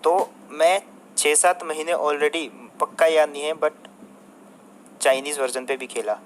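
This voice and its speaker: A man's voice: fairly high pitch, steady tone, a little slow, low-quality recording. Young man, game streamer, combative rant, constant swearing, faint background hiss. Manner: addresses the viewers and a rival by turns. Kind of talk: angry rant to viewers.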